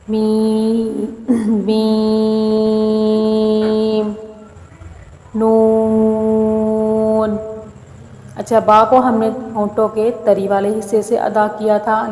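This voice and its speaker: A woman's voice: mid-range voice, darkish tone. A woman teaching a Quran recitation lesson, saying each letter aloud and then explaining how to pronounce it. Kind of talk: step-by-step pronunciation lesson. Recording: echoey room with long reverb.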